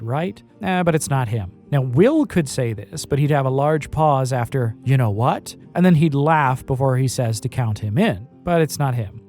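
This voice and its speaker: A man reads a scripted video essay in a wry, analytical voice at a mid pitch. A faint music bed sits under his narration. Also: a little mellow.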